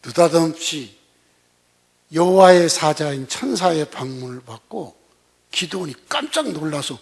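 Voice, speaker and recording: A man's voice: on the high side, expressive, unhurried, vocal fry. An older man preaching a sermon as a senior pastor, telling the story in a blunt, colloquial way and throwing rhetorical questions at the congregation.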